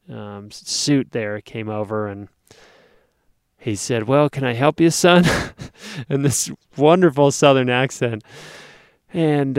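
A man in his thirties tells a story in a casual, lively way, jumping into loud acted-out shouts of his own panic. His voice is smooth and clear, at a middle pitch. It is recorded dry and close, with no room sound. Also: dry recording. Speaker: podcast co-host.

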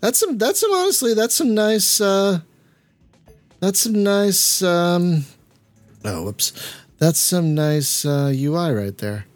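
A man's voice: high voice, very animated, takes it slowly, dry recording, soft background music. A man hosting a podcast, chatting casually while playing a game and reacting aloud with stumbling restarts. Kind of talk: casual gameplay chat.

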